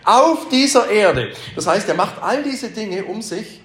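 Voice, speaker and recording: A man's voice: sits high, lively intonation, unhurried. A man teaching a Bible lesson to a live group, asking them questions and repeating their answers, with emphatic repetitions. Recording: echoey room.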